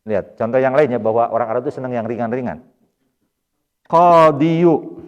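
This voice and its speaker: A man's voice: mid-range voice, steady tone, rapid-fire. A man with a Sundanese accent teaching an Arabic grammar lesson at a mosque study circle, explaining patiently and repeating Arabic words with stress. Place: mosque hall. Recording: dull lo-fi recording with hall reverb.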